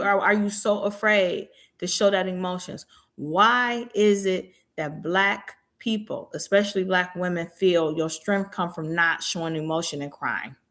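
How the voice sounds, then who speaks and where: A woman's voice: medium pitch, fairly bright tone. A woman in her thirties hosting a podcast, giving an earnest, reflective monologue full of rhetorical questions and mid-sentence self-corrections. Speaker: podcast host.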